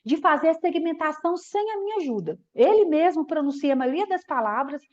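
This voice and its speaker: High-voiced woman teaching in a live lecture. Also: lively intonation, darkish tone, dull audio. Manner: explanatory, checks in with frequent "né?" and "tá?"; slows to syllable-by-syllable demonstrations. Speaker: teacher educator.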